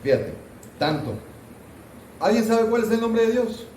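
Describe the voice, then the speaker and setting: A man's voice: high-pitched, big pitch swings, a little slow, darkish tone, far from the mic, slight background noise. Man teaching a Bible class from off-mic. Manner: conversational, asks the class questions, mock scolding asides. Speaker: pastor teaching Sunday school. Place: church classroom. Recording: roomy church hall, voice from off-mic.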